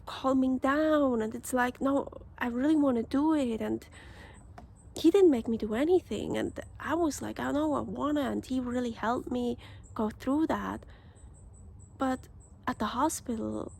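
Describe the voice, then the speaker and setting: Slow, halting woman with a gravelly voice. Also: fairly high pitch, darkish tone, a little hiss or hum. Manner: halting, many restarts and fillers. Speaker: vlogger. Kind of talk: casual personal vlog.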